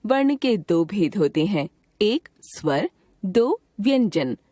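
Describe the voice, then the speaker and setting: A woman reading a grammar lesson aloud, sounding out each letter slowly and deliberately. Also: mid-range voice, very animated, mellow, no room sound, studio quality. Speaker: grammar teacher. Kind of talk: scripted textbook narration.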